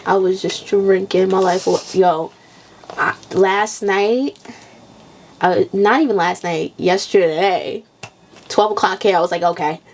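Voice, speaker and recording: A woman's voice: medium pitch, measured pace, a little hiss or hum, poor audio. Young woman, blunt casual podcast chat. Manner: blunt, swears freely, animated retelling. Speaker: podcast co-host.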